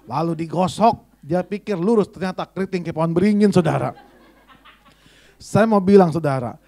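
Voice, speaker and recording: High-voiced, chatty man preaching. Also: moderate pace, mellow. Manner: chatty, teasing, asks the congregation questions. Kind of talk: sermon with humorous anecdotes.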